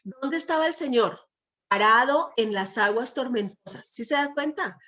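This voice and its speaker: A woman's voice: high-pitched, lively intonation, moderate pace, fairly bright tone. Woman preaching with rhetorical questions. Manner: asks the audience frequent rhetorical questions. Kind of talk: sermon.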